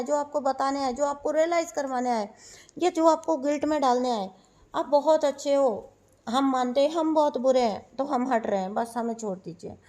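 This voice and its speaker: High-voiced lady doing an intense spiritual pep talk, keeps repeating herself, drops english phrases in. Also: darkish tone. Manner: insistent, repetitive, mixes English phrases into talk. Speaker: spiritual channel host. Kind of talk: emphatic spiritual advice monologue.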